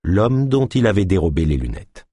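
A man narrating an audiobook in an expressive storytelling manner. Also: deep voice, moderate pace, slightly rough, no echo, studio quality. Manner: expressive storytelling, voicing every character.

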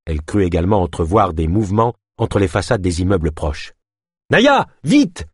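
A man narrating an audiobook in a lively, expressive storytelling manner. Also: sits low, fairly quick, slightly rough, dry recording, studio quality.

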